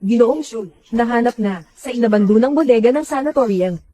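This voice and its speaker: A woman's voice: fairly high pitch, brisk, warm tone, no echo, natural voice, poor audio. A woman voicing every character of a dubbed drama in one plain voice.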